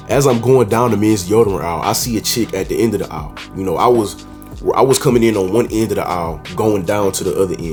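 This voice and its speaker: Talking casually to camera, a man with a deep, slightly mellow voice gives dating advice. He's confident and emphatic, uses slang, and keeps calling the listener "bro."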